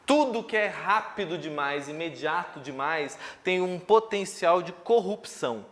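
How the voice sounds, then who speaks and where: A Brazilian man preaching in a fairly high, ringing voice. He stays emphatic and lively, sometimes swerving into a playful joke before driving his point home. He sounds like a pastor working a church crowd. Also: measured pace. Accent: Brazilian Portuguese. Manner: animated, emphatic preaching with joking asides. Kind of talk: sermon. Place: church congregation.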